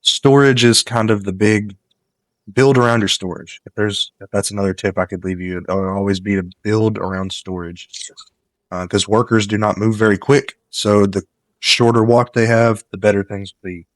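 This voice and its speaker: Coming down with a cold, this male commentator has a lowish, faintly nasal voice as he chats through a casual let's-play. He wanders from topic to topic at a moderate speed, relaxed, and slips in gameplay tips along the way. The close desk microphone captures dry sound with no echo from the room.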